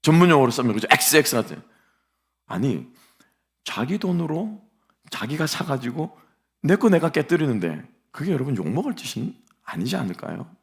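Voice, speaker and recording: A man preaching a sermon as a pastor, animated, asking the congregation questions and acting out angry onlookers. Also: fairly high pitch, moderate pace, creaky. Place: church sanctuary.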